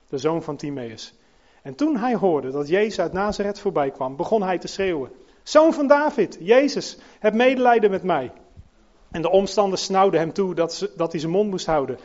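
A man preaching a sermon, emphatic, rising to loud peaks and dropping to soft, quiet passages. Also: fairly high pitch, lo-fi sound.

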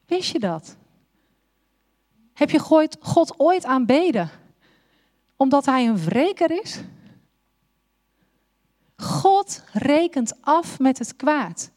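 A woman's voice: a little high, a little mellow. A woman preaching a sermon, emphatic, with repeated rhetorical questions.

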